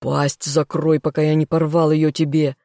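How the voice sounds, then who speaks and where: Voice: medium pitch, level tone, normal speed, a little mellow, no echo, clean studio sound, close to an everyday voice. A reader voicing a proud, protective elf nobleman in a fantasy audiobook. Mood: angry.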